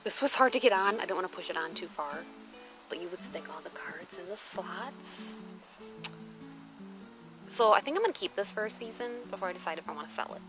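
Outdoors at a table on a deck or patio, a vlogger enthusiastically shows off her thrift finds, chatting and exclaiming. Her lowish, expressive voice runs a little fast, with music underneath.

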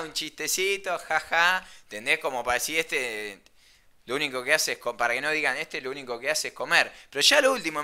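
A young man with an Argentine Rioplatense accent, casually telling a slangy, animated anecdote. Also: fairly high pitch, smooth. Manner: animated, slangy, laughs mid-story. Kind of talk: casual storytelling.

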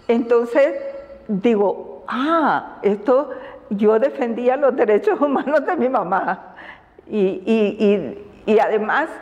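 An older woman from Honduras with a Honduran Spanish accent, answering interview questions slowly and thoughtfully, with many fillers, on a lapel mic. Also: on the high side, a little mellow, long reverb tail, dull audio. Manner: slow, deliberate, reflective with frequent fillers and laughs. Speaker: women's rights defender. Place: indoors in front of a banner.

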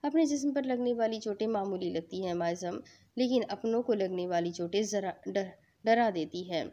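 A woman voicing a caring young army husband who speaks with soft concern and gentle teasing. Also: mid-range voice, close to an everyday voice.

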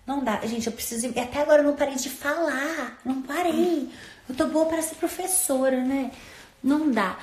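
A woman's voice: high voice, normal speed, darkish tone. A woman chatting casually into her phone as an influencer, rambling and playful. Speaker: social media influencer. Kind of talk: casual phone stories chat. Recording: roomy echo.

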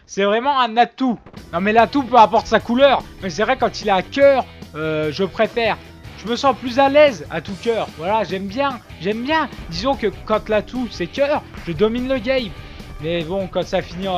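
A man commenting on his own gameplay with mock-boastful, ironic self-praise. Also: sits high. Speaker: gaming video host.

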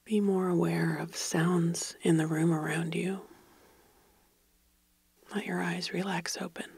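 Whispered meditation guide, gravelly and breathy, slow and calm. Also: medium pitch, dry recording. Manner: slow soothing whispered guidance.

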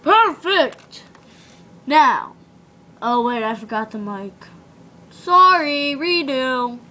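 A woman's voice: high-pitched, lively intonation, extremely slow, sharp tone, poor audio. A woman directing her toys in a home video, bossy and giggly.

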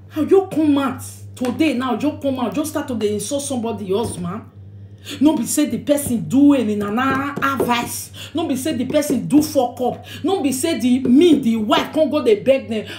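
A woman's voice: high-pitched, expressive, normal speed, darkish tone, reverberant, slight background noise. A woman with a Nigerian accent, talking casually and animatedly on a live video, scolding and laughing as she mixes Pidgin and Yoruba.

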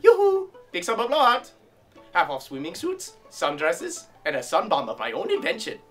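Woman as jolly male shopkeeper, sing-song sales calls, wide swooping pitch, music behind. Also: huge pitch swings, normal speed. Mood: cheery salesman.

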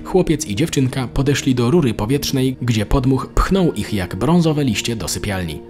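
Man with a lively storytelling voice. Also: medium pitch, moderate pace, over music. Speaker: narrator. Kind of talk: scripted narration.

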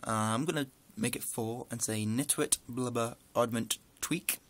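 This vlogger is a young man from the north of England, working his way through a list of questions in a small room with the webcam close up. He speaks in a mid-range voice, a little slowly, keeping it casual and rambling with dry asides.

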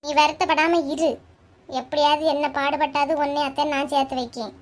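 A reassuring young man in a cartoon comedy, as a woman puts him on, his voice pushed down from her high natural pitch, with a Kanyakumari Tamil accent. He speaks calmly and promises to help. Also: normal speed, lightly acted. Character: irritated young man comforting his aunt's daughter.

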